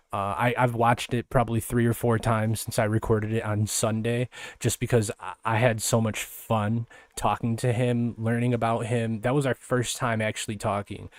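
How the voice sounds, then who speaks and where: A man's voice: medium pitch, darkish tone, dry recording. A man hosting a podcast, talking in a loose, rambling way with many fillers and restarts. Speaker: podcast host. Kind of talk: casual podcast monologue.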